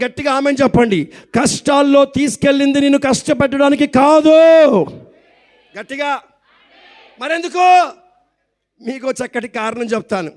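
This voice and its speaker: High-voiced Telugu-accented pastor preaching. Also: male voice. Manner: preaching with call-and-response, urging the congregation to answer loudly; swings between quiet talk and shouted exclamations. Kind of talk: sermon. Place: church.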